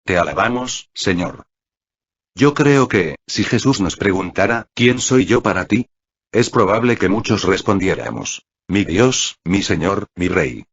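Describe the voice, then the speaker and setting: A man's voice: sits low, lively intonation, unhurried, creaky, slightly rough. A man preaching an earnest Sunday reflection, exhorting his listeners. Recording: dull lo-fi audio.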